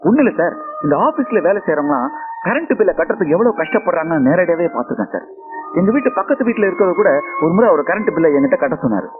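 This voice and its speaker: Humble young fellow, quick lively talk, tinny movie sound, music behind. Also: male voice, high-pitched. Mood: earnest. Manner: polite, deferential, says sir. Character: humble young man pitching a bill-paying idea. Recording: phone-like band with film music.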